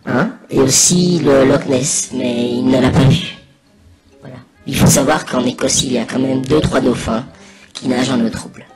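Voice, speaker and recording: A man giving a casual, improvised mock commentary over video, rambling hesitantly and pausing mid-sentence. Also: medium pitch, low-quality recording. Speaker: narrator of a spoof anonymous behind-the-scenes testimony. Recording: voice over loud music. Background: loud music.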